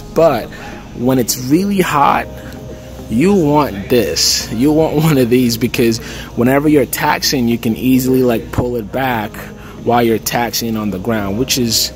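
Filming on a handheld phone inside a big expo hangar, a medium-pitched aviation vlogger leads a laid-back walkaround tour. His chatty talk is peppered with "uh" and "okay" between thoughts, while crowd chatter and music carry on around him.

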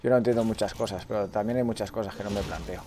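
A man's voice: on the low side, fairly even intonation, fast, mellow, slight background noise. A man from Spain with a Spanish accent, streaming a game live, swearing often and chatting with his viewers. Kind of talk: live gameplay commentary.

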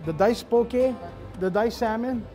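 In a studio show kitchen, a middle-aged man acting as chef host walks viewers through a cooking demonstration, casual, instructive and encouraging. His high, mellow voice moves a little slowly over background music and a sizzling pan.

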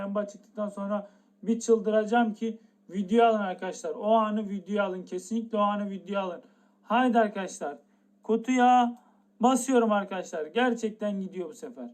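A man's voice: sits high, a little mellow. A young man streaming a game live, talking to his chat and stretching out the build-up by repeating the same phrase again and again. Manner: drawn-out hype, repeats the same phrase over and over.

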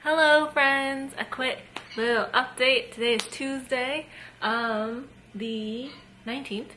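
A young woman with a brightish, slightly high voice talks casually to the camera from her small home art studio. She is chatty and upbeat and fills her pauses with ums. A faint hiss sits under the desk-distance camera mic. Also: fairly even intonation. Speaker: artist vlogger. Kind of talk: casual vlog talk to camera.

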